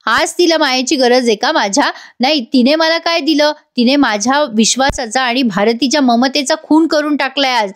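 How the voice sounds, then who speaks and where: A woman's voice: high-pitched, normal speed, hardly any pauses, lightly acted. A woman voicing a bitter middle-aged father in a serial recap, speaking in angry outbursts. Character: stern hurt father, middle-aged man.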